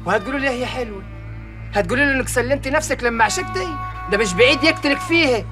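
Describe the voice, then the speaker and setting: A man's voice: very high-pitched, expressive, rapid-fire. An actor playing a callous young man with an Egyptian accent, talking in a scornful, dismissive way. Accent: Egyptian Arabic. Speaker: film actor. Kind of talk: film melodrama acting. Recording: music score behind. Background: film score music.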